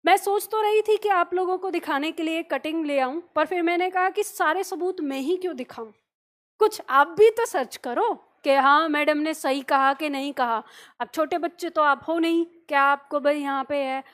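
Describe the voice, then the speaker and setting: A woman with a high voice teaches grammar in a video lesson. She keeps putting rhetorical questions to the viewer and stretches out vowel sounds to show how they are said. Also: normal speed. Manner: draws out vowel sounds to demonstrate them.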